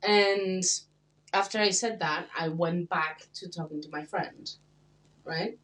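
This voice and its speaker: Young woman, podcast co-host; easy casual chat, quick to laugh, acts out the people she describes. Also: fairly low pitch, fairly even intonation, a bit bright. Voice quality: laughs often, acts out quoted exchanges.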